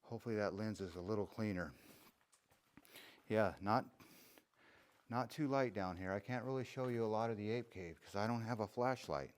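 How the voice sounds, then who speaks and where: A man's voice: on the low side, normal speed, pauses often. A man casually narrating his own travel vlog in a playful, jokey tour-guide way, filming on a handheld camera. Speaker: travel vlogger. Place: cave and outdoor mountain trail.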